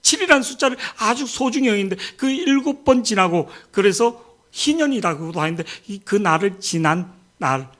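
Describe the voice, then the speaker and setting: A man preaching a lively sermon as pastor, often calling for the congregation's amen and telling anecdotes. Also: sits high, moderate pace.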